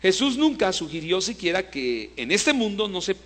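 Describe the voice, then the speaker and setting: A male pastor preaching a sermon, asking the congregation to repeat after him and swinging between loud emphasis and low, hushed lines. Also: big pitch swings, normal speed. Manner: preaching with call-and-response to the congregation.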